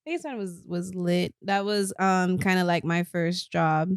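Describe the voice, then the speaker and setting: A young woman co-hosting a podcast, chatting casually with jokes and quick interjections. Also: lowish voice, smooth, dry recording, studio quality. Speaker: podcast co-host. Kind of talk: casual chat.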